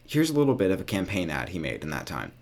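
A man's voice: deep voice, huge pitch swings, quick pace. A man hosting a podcast, reading scripted history narration with casual, wry asides. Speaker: podcast host.

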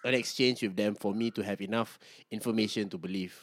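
A man's voice: fairly low pitch, fairly even intonation, a little fast. A man with a Singaporean accent hosting a casual podcast, chatting colloquially with swearing, repeated phrases and Singlish particles. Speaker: podcast host.

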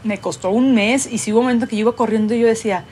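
A woman's voice: fairly high pitch, rapid-fire, a little hiss or hum. A woman, a professional footballer telling her story in a casual interview, acting out what people said. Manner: animated storyteller acting out quoted voices.

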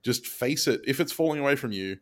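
A man's voice: medium pitch, expressive, brisk. A man giving casual, plain-spoken instruction as a blacksmith podcast host.

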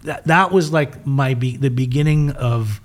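A middle-aged man raised in Utah, in the United States, whose first language was German, recounts his life story as a guest on a podcast. His mid-range voice is unhurried, and his candid storytelling is open and rambling, with restarted words.

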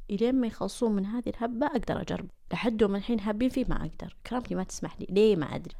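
A young woman with a Gulf Arabic accent talks through a casual solo podcast at a rapid clip. Her voice sits low and mellow with a gravelly edge. She is chatty and self-mocking and keeps slipping into hushed asides. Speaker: podcast host.

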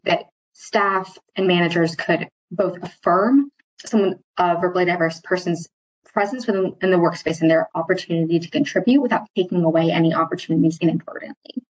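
Speaking as an interview guest, an employee talks about stuttering in a slightly low, husky voice, answering questions reflectively. Her phrasing is thoughtful and halting, with rephrasing along the way and a mild, mostly covert stutter that only occasionally shows up as repeated starts. The recording is rough.

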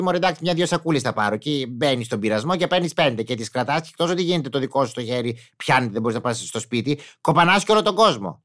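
A man's voice: mid-range voice, a bit bright. A man delivering a casual comic monologue in a chatty, exclamatory way, with mock-indignant asides.

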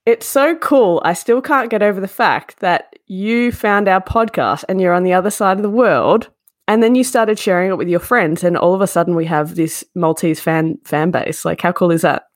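A woman's voice: on the low side, moderate pace, no echo, studio quality. A woman in her twenties with an Australian accent, hosting a podcast in a casual, effusive, informal way. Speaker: podcast host. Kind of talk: casual chatty interviewing.

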